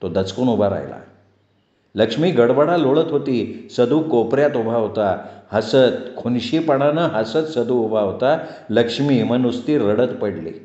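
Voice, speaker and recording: A man narrating a novel as a storyteller, steady and measured. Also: medium pitch. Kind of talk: novel reading. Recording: roomy dull lo-fi sound.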